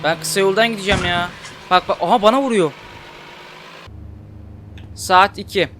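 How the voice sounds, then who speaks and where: A young man giving casual commentary while playing a game, chatty and quick to get frustrated and swear at it. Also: high voice, noisy background. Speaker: gaming YouTuber. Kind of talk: casual Let's Play commentary.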